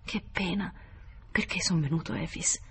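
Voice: medium pitch, steady tone, moderate pace, a bit bright, slight background noise, lightly acted. Giacinto, a reader voicing an anguished young man. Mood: distressed. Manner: emotional, pleading, sometimes whispered. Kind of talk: audiobook character voice.

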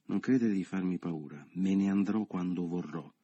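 A man's voice: deep voice, normal speed, warm tone, breathy edge, no room sound, dull audio. A man voicing a defiant, tense teenage boy. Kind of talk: audiobook character voice.

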